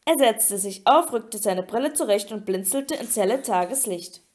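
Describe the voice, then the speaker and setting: A woman narrating an audiobook with a steady, expressive reading. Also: on the high side, normal speed. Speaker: audiobook reader.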